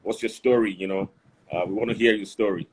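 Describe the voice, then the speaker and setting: A man hosting a live online interview show, greeting viewers with repeated, drawn-out phrases over a video call. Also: fairly low pitch, fairly even intonation, a little hiss or hum, poor audio. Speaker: host.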